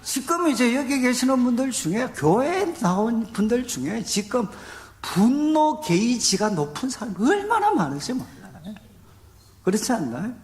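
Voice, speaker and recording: Middle-aged male pastor, lively pitch, conversational sermon full of rhetorical questions. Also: normal speed. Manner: animated, conversational preaching with frequent rhetorical questions and "예?".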